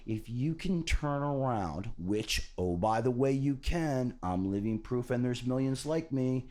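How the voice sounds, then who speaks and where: A podcast host with a medium-pitched, darkish, expressive voice speaks at a measured pace, giving motivational talk about self-love. He's earnest yet casual, repeats key phrases, and swears now and then. Others have said he has a voice for radio.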